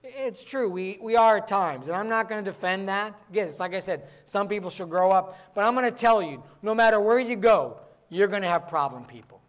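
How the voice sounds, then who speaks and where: A man from the northern United States preaching a sermon as pastor, talking fast and mixing in joking asides. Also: sits high, animated.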